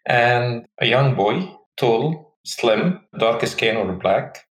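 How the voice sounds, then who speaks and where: A man in his forties from Egypt, with an Egyptian Arabic accent and a mid-range voice, earnestly tells his life story as an interview guest. He searches for words in his second language, and the low-quality recording sounds reverberant.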